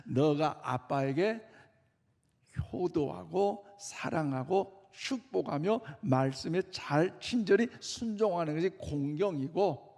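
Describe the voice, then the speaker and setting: A man voicing a father who corrects his young son, loud and sharp at first, then slow and patient. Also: fairly high pitch, expressive, vocal fry, full character voice. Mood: patient, explaining. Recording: long church hall reverb.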